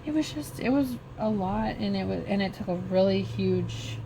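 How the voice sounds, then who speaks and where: A middle-aged woman vlogger slowly telling a personal story while crafting, halting and emotional. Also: medium pitch, dark tone, a little hiss or hum.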